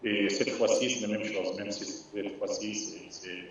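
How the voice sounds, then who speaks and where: A Palestinian man joins an informal live talk as a guest speaker over a remote video call, his lowish voice carrying little pitch movement and some vocal fry. He speaks earnestly but haltingly, with many restarts and fillers. The call audio is distant, echoey, dull and lo-fi, with faint background noise.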